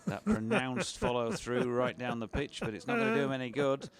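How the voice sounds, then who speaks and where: A man doing relaxed, chatty ball-by-ball radio cricket commentary. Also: medium pitch, fairly quick, gravelly. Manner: relaxed, chatty, with fillers and laughs between balls.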